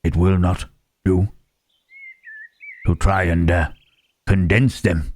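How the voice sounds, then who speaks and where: A man voicing a gentle, melancholy, lonely monster in a halting, pensive ASMR roleplay, with formal wording and a husky, low voice. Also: flat delivery, a little hiss or hum. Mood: pensive, sorrowful.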